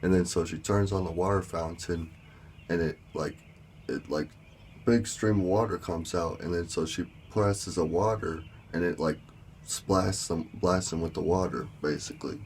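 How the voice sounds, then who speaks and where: A man telling a story in a casual vlog, rambling with lots of fillers and small laughs, with a sore lower back. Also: fairly even intonation, normal speed, a little hiss or hum. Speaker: vlogger.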